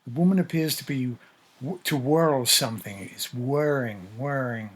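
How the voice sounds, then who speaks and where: A man narrating a scripted story in a measured, descriptive way. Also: mid-range voice, slightly rough.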